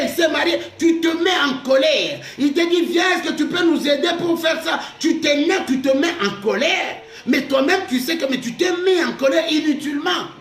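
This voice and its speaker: High, gravelly shouting preacher. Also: male voice. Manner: shouts his points and repeats them. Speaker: pastor. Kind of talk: preaching a sermon. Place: church hall. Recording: echoey hall with faint music.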